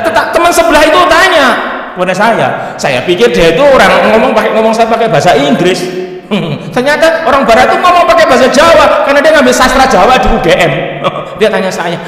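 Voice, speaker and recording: Lively joking priest in echoey church. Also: male voice, high voice. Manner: lively, joking, sings hymn lines. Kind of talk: sermon.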